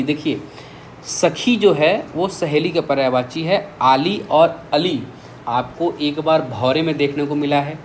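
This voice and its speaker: A man teaching a vocabulary lesson, reeling off lists of words with quick asides to his students. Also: on the high side, slight background noise. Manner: lively, reels off word lists with quick asides. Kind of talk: exam-prep vocabulary lesson.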